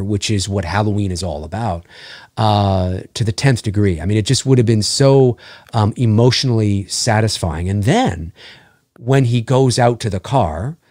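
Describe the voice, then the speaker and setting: Podcast guest, male, fairly low voice, dry sound; chatty and long-winded, trips over words and restarts. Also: darkish tone, dry recording. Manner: talkative, gropes for words and restarts mid-thought. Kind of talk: casual podcast chat.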